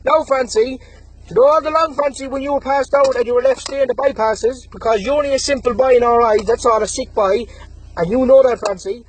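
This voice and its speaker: A man's voice: very high-pitched, fairly even intonation, brisk, slight background noise, rough recording. A young Irish man in his twenties, delivering an aggressive, taunting callout rant and threatening a rival. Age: 20s. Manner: aggressive, taunting, threatening, repeats the target's name again and again. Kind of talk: angry callout rant to camera.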